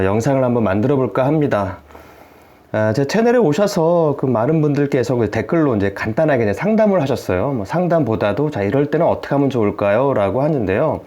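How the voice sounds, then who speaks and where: A man who works as a family therapist, giving an explanatory video lecture to parents in an animated way, full of rhetorical questions. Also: mid-range voice.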